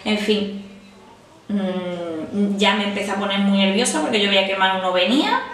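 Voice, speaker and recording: A woman in her thirties telling a personal story to her viewers in a casual, animated way, laughing as she goes. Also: mid-range voice, moderate pace, far from the mic. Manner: animated, laughing while recounting. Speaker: vlogger. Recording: echoey room.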